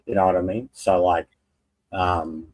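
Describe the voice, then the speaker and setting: A man's voice: low voice, little pitch movement, unhurried, darkish tone. A man as a guest in a casual sports and wrestling chat, talking in a blunt, slangy, sweary way.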